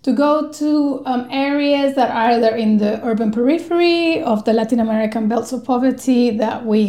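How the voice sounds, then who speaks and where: A woman from Colombia with Spanish as her first language, speaking as a guest researcher in a podcast interview, measured and thoughtful with frequent pauses. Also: a little high, darkish tone, reverberant.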